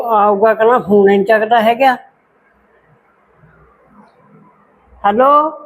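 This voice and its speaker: A woman's voice: sits high, low-quality recording. A woman acting a sly, demanding village aunt in a short drama, evasive and bossy, with a Malwa Punjabi accent. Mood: secretive. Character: sly, demanding aunt fond of tea and opium husk. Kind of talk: amateur short-film acting.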